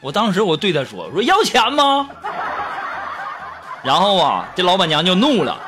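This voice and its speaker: A man's voice: fairly high pitch, fast talker. A man hosting a comedy podcast, telling funny anecdotes and acting out the voices in them. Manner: lively storytelling, acting out quoted voices. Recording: music bed under the voice.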